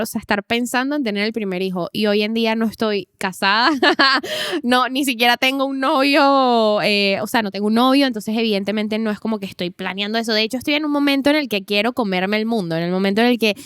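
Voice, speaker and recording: A woman's voice: a little high, fairly bright tone, smooth, dry recording, clean studio sound. A woman in her twenties co-hosting a podcast, talking in long reflective runs in casual chat. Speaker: podcast co-host.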